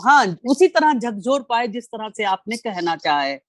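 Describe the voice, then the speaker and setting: A woman's voice: a little high, big pitch swings, normal speed, no room sound. Effusive woman critiquing poems on a dry line. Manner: effusive, exclaims, quotes lines with feeling. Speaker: poetry session reviewer.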